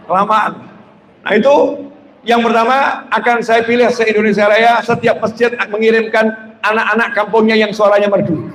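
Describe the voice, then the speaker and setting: A man preaching an Islamic sermon for a live stream, lively, sometimes chanting prayers and mimicking shouting. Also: sits high. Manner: lively, rises loud when mimicking shouting, chants zikir. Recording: echoey hall with faint noise.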